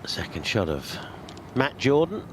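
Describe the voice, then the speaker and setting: A man commentates on live golf in a fairly low voice. He talks conversationally, as a golf commentator does, over clearly audible outdoor background noise. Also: brisk. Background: outdoor ambience.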